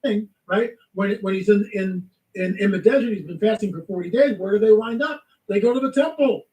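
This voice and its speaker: A man telling a spiritual testimony in lively storytelling, acting out the voices in his story. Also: high-pitched, a little fast, reverberant, recorded from a distance, rough recording. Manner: animated storytelling, acts out quotes. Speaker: guest. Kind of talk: testimony in a talk show.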